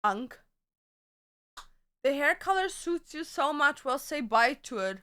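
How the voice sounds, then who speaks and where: High-pitched, slow-talking sassy woman. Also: expressive, pushed and bright. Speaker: livestream host. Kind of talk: casual get-ready-with-me chat.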